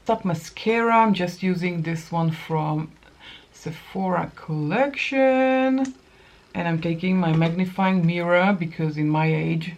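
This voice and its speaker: A woman's voice: fairly low pitch, vocal fry. A woman in her fifties hosting a casual makeup tutorial, chatting to viewers and correcting herself as she works. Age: 50s. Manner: chatty, talks to viewers while applying makeup, self-correcting. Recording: dull lo-fi sound.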